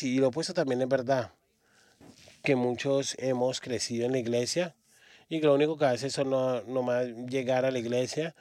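A male preacher from Australia delivers a sermon at a middle pitch, often pausing and repeating words as he gathers his thoughts. The voice is close and dry, with hardly any room sound. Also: a little mellow, no echo. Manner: halting, frequent restarts and repeated words. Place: church.

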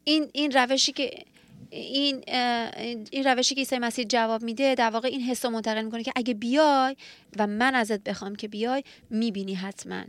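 A woman delivers a sermon, retelling a scripture story in an earnest, reflective tone. Her voice sits a little higher than most. The sound is dry and close, with no room echo. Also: fairly even intonation. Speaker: preacher.

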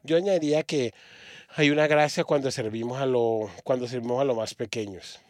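Halting male preacher, dry sound. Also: medium pitch, a little mellow, no room sound. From Australia. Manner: halting, frequent restarts and repeated words. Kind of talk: sermon. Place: church.

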